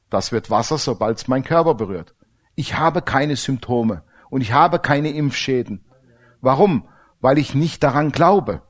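A middle-aged pastor preaching a sermon, lively, acting out little dialogues. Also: male voice, fairly high pitch.

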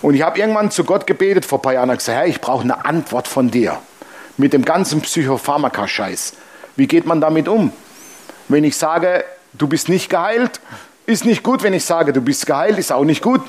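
Blunt, animated man preaching a sermon. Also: brisk, breathy edge. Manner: animated storytelling, acting out dialogue with shifting pitch. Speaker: pastor.

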